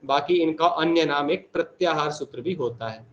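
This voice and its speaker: A man teaching a Sanskrit class online, saying each sutra slowly and repeating it for his students. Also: a little high, fairly bright tone, highs cut off, a little hiss or hum.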